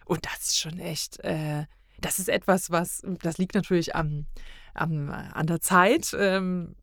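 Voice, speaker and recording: A middle-aged woman appears as a podcast guest in a casual conversational discussion, often hesitating and searching for words. Her voice is lowish, with fairly even intonation and a slow pace. The sound is clean studio audio with no echo.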